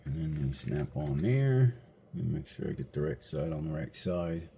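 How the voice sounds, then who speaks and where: A man's voice: a bass voice, moderate pace, vocal fry, mellow, a little hiss or hum. A man vlogging a casual model car build walkthrough, just woken up, rambling and searching for words. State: just woke up. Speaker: RC hobby vlogger.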